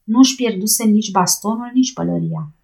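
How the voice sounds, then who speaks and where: Female audiobook narrator, mid pitch, lively dialogue voicing, adventure reading. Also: vocal fry. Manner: lively, raising her voice for shouted lines.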